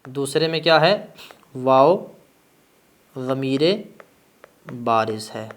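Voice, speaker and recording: A male teacher giving a classroom grammar lesson, asking questions and answering them himself. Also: lively intonation. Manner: stresses terms with rising pitch.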